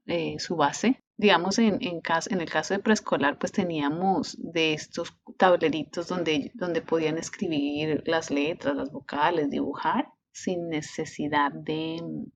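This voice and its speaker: Low-voiced Latin American teacher woman. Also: gravelly, dull audio, a little hiss or hum. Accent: Latin American Spanish. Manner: unhurried, with frequent restarts. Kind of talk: explanatory teaching talk.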